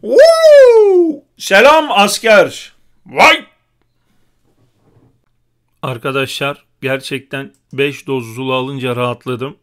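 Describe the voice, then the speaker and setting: A young man giving joking, excitable live commentary while playing an online shooter game, often shouting exclamations. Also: mid-range voice, clear, resonant tone. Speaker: gaming YouTuber.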